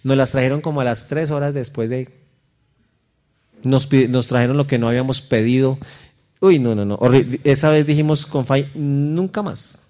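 A man's voice: mid-range voice, fairly even intonation, normal speed, warm tone. A middle-aged man, a pastor preaching a sermon in a conversational, storytelling way that speaks directly to his listeners.

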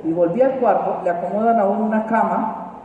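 High-voiced Colombian man in an echoey hall. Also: a little fast, phone-quality sound, a little hiss or hum. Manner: animated, emphatic, repeats key phrases. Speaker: motivational speaker. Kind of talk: humorous personal storytelling to a live audience. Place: large hall with a live audience. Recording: echoey hall from far off, faint ambience.

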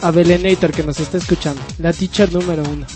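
A woman with a Mexican accent co-hosting a radio show, giving shout-outs in a lively way. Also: on the low side, quick pace, music in the background. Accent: Mexican Spanish. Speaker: radio co-host. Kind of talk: casual chat on a radio show.

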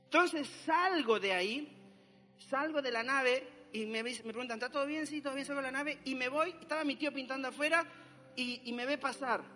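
A man's voice: very high-pitched, normal speed, pushed and bright, long reverb tail. A young man, animatedly telling a dramatic personal testimony. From Argentina.

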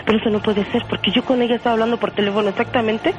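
On a radio prank call, a middle-aged woman, the caller's mother and the target of the prank, fires off insistent, emotional questions. Her voice is a little high and steady in tone but very fast, and the muffled radio broadcast carries her over the phone with music.

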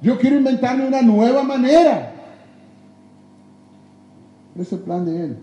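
A man preaching a sermon in a church, emphatic, swinging between loud exhortation and hushed confession. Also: very high-pitched, lively intonation, a little slow, muffled recording. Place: church sanctuary. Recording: echoey church hall.

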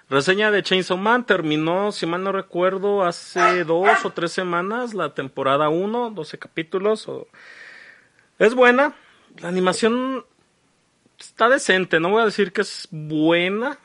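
A man's voice: sits high, bright, forceful tone. A man with a Mexican accent co-hosting a podcast, chatting and reviewing casually in an informal, slangy, sweary way. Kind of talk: casual live-stream chat and review.

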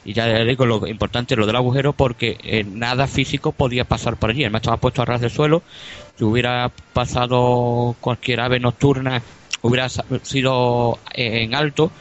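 A man's voice: mid-range voice, fairly even intonation, brisk, dull audio, slight background noise. A man, a paranormal investigator, talking casually on a radio show, with many hesitations, fillers and restarts.

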